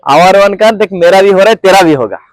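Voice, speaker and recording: A man's voice: sits high, fast, slight background noise, poor audio. A man leads a network marketing seminar, constantly quizzing his audience and drawing call-and-response answers. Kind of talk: interactive seminar talk. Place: training room with a group audience.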